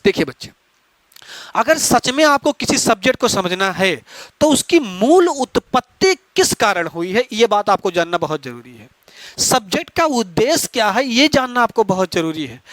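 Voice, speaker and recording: A man's voice: high voice, a bit bright, dry recording. A man teaching an exam-prep lecture, explaining step by step and asking rhetorical questions of his students. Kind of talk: classroom lecture.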